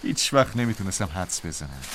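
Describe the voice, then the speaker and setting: Casting note: a dry, teasing officer friend, very lively pitch. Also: male voice, slight background noise. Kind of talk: dubbed war film dialogue.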